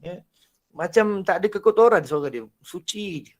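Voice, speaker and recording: Man, Malaysian Malay accent, husky breathy voice, animated teacher, fairly high voice. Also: moderate pace. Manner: animated, laughs often, demonstrates voices. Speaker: Quran recitation instructor. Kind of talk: online lecture.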